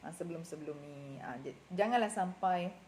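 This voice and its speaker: Offering casual marriage advice, a middle-aged Malaysian Malay-accented woman talks chattily, full of fillers and self-corrections, in her role as a marriage and relationship advisor. Her fairly low, slightly mellow voice moves at a moderate pace over a little hiss or hum.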